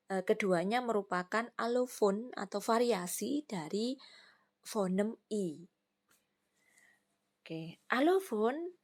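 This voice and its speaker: A woman giving a recorded lecture, explaining patiently with examples and fillers. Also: medium pitch.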